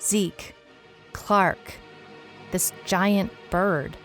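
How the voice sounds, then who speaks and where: With a medium-pitched, steady, slightly bright voice and drawn-out words, an actress narrates an audio mystery serial as its lead, a wry, skeptical private detective. Soft music plays behind her dry, musing first-person telling, which carries a puzzled, uneasy mood.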